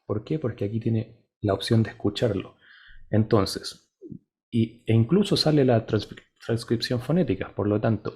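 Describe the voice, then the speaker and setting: Gravelly, husky male teacher explaining patiently. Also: mid-range voice, warm tone. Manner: patient, checks in with "¿cierto?" and "¿ya?"; slow, deliberate modeling of English words. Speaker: English teacher. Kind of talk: classroom lesson explanation.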